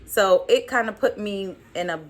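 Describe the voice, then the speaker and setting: A woman's voice: medium pitch, moderate pace. A woman in her thirties, a podcast host, telling a personal story in a candid, reflective way, with many fillers.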